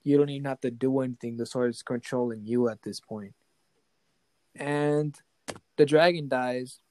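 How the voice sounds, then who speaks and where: A man's voice: mid-range voice, fairly even intonation, moderate pace, a little mellow, dry recording. A man improvising a fantasy story as game master. He talks casually and keeps checking in with the player.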